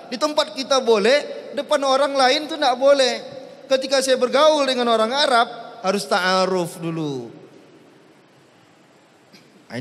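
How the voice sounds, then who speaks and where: A man preaching a sermon, lively and jokey with emphatic rises and falls. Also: very high voice. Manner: lively, jokey, rising and falling emphatic delivery. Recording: long hall reverb.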